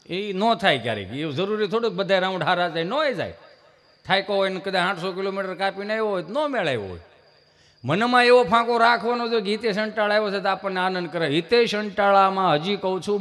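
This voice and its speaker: A man's voice: high-pitched, a bit bright. A man with a Saurashtra Gujarati accent telling folk jokes live on stage at a microphone, chatty, slipping into quoted dialogue. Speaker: stand-up folk comedian. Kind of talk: live folk comedy storytelling. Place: large hall on stage. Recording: long reverb of a hall.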